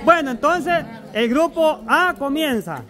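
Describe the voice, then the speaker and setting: High-voiced man refereeing a game. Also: a little slow. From El Salvador. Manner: loud, animated, bossy calling of rules and commands. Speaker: game host. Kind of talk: explaining and refereeing an outdoor group game. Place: outdoors with a group of players. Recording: outdoor crowd chatter behind.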